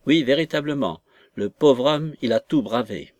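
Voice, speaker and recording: A kindly landlady, quick to exclaim and fuss, voiced by a man reading aloud. The recording is dry and close. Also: mid-range voice, no room sound, lightly acted. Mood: alarmed. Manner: excitable exclamations. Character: kindly landlady, excitable and fussing.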